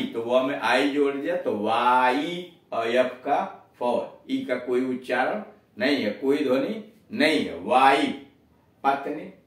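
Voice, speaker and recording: A man's voice: mid-range voice, far from the mic. A man teaching an English pronunciation lesson, explaining rules step by step and spelling words out letter by letter. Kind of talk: spoken grammar lesson. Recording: echoey room, voice off-mic.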